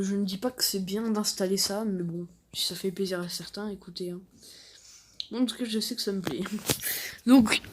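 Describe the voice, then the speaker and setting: A woman's voice: mid-range voice, a little hiss or hum. Rambling woman hosting a game tutorial. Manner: rambling, filler-heavy, self-deprecating chatter. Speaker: gaming tutorial host. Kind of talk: casual screen-recorded game tutorial.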